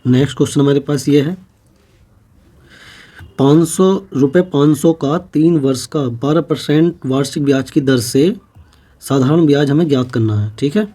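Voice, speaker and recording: Mellow-voiced male maths teacher. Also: fairly high pitch, normal speed. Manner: works problems step by step, repeating each figure as he writes. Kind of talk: exam-prep maths lesson.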